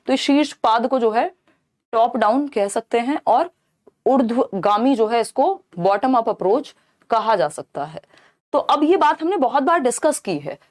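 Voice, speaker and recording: A young woman with a somewhat high voice teaches an online exam-prep class. She walks through each answer step by step and keeps checking that her students follow. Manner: explains step by step, often asking "ठीक है ना?".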